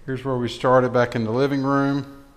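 A man's voice: medium pitch, little pitch movement, moderate pace. A man narrating a casual walkthrough tour of an empty apartment as a leasing agent, matter-of-fact with frequent fillers, recorded on the camera while walking room to room. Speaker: real estate leasing agent.

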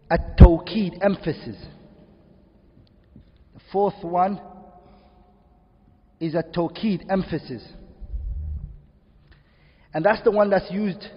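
A man teaching a class, repeating key terms slowly and checking with questions whether everyone follows. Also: high voice, breathy edge. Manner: quizzes students with repeated questions. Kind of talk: classroom lesson. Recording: dull distant audio in echoey room.

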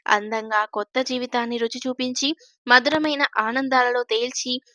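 A woman reads a serial story aloud in a gentle, expressive way. Her voice sits high for a woman. The sound is dry and close, with no room echo. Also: normal speed.

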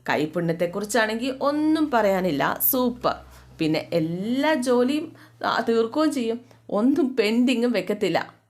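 Fond old dad who runs a shop, talks soft and doting, woman telling the story puts him on. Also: a little high, animated, moderate pace, lightly acted. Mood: praising. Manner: fond, indulgent, chiding his wife. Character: older father, shop owner, mild and fond.

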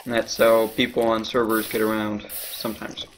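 A man's voice: lowish voice, monotone, normal speed. A man gamer in casual gaming chat, dry and teasing. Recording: noisy home mic.

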